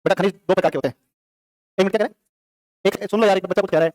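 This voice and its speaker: Male classroom teacher, rapid-fire drilling, high voice, dry close sound. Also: darkish tone, no room sound. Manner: quizzes students, answers his own questions; fast, repetitive drilling. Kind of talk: classroom lecture.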